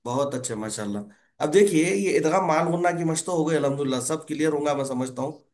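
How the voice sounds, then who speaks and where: Male tutor with a somewhat high voice, gentle corrective teaching manner, repeats rules patiently. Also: fast talker. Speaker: Quran recitation teacher. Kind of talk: online tutoring lesson.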